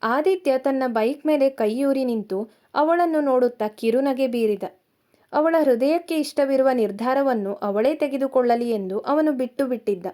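A woman narrating a romance story in a calm, measured storytelling manner. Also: high voice.

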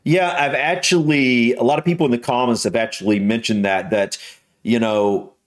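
American male reaction host, casual and unsure, thinks out loud, mid pitch. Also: fairly even intonation, normal speed. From United States. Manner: musing and hesitant, with many restarts and trailing thoughts.

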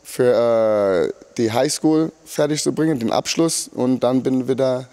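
A middle-aged man, a basketball coach, answering interview questions in a sports hall, halting with many fillers. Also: mid-range voice, dark tone. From Germany.

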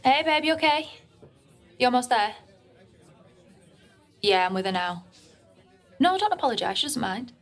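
A woman's voice: fairly high pitch, very animated, moderate pace, long pauses. An actress playing a protective young woman, wry and skeptical about her sister's date. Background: game music.

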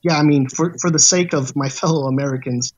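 A man's voice: a little high, fairly even intonation, brisk, darkish tone. Hesitant male podcast guest. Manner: hesitant, many uh and like fillers. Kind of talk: casual chat.

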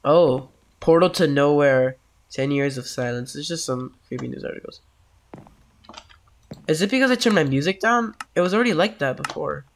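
A man's voice: fairly high pitch, animated, normal speed, slight background noise. A man who is sick, giving casual, jokey let's-play commentary on a horror game and getting easily spooked. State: sick, coughing. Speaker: gameplay commentator.

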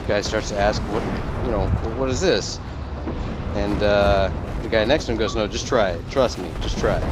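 A man in casual party chat while gaming, telling a long joke and acting out the quoted lines. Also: lowish voice. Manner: rambling storyteller, acts out quoted lines. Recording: game sounds behind, noisy. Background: gunfire and game ambience.

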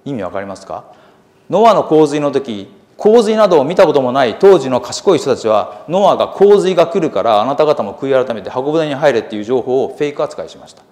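A man preaching a sermon in a church, earnest and emphatic, slowing down to read scripture aloud. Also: medium pitch, very animated, warm tone. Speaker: seminary lecturer preaching.

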